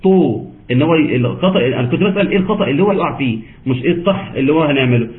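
A man's voice: fairly high pitch, animated, very fast. A man with an Egyptian accent teaching Quran recitation in an online class, asking students questions and teasing them patiently. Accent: Egyptian Arabic. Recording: tinny phone-like call audio.

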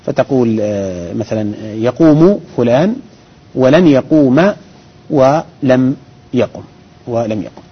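A man teaching grammar on a call-in program, explaining patiently and methodically with pauses and restarts. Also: mid-range voice, lively intonation, husky. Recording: dull broadcast audio.

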